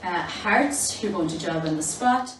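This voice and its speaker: A woman's voice: lowish voice, lively intonation, unhurried. A woman demonstrating an exercise game for children, giving simple, encouraging instructions. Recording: roomy, distant mic with clear background noise.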